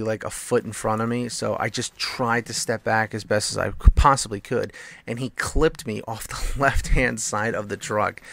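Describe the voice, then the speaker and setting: A man's voice: fairly low pitch, vocal fry, a bit bright. A young man casually telling a long personal story over gameplay, rambling with lots of fillers. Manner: rambling, filler-heavy, acts out quoted voices. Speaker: gameplay commentator.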